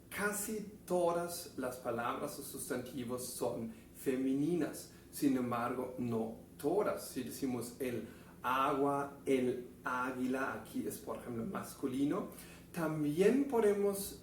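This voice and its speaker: A man teaching a German class, saying example phrases slowly and clearly for students to repeat. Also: fairly high pitch, distant mic, slight background noise. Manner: slow, deliberate enunciation of example phrases. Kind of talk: classroom lesson, drilling phrases aloud. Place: classroom with a whiteboard. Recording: echoey room, voice off-mic.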